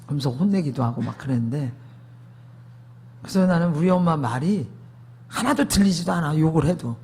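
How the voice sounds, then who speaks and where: A man's voice: fairly high pitch, animated, a little fast, a little mellow, breathy edge. A man preaching a sermon testimony, emphatic, asking the congregation rhetorical questions.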